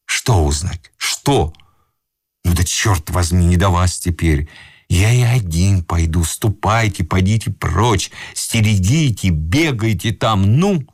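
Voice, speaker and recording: A man's voice: deep voice, slow pace, breathy edge, no echo, clean studio sound, heavily acted. A man voicing a hot-tempered young man who talks in brusque, irritable bursts. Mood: irritated.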